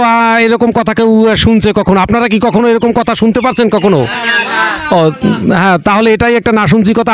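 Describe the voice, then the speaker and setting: A man's voice: high voice, clean tone, no room sound, lightly acted. A man playing the host of a mock game show, speaking with formal, repetitive announcer phrasing.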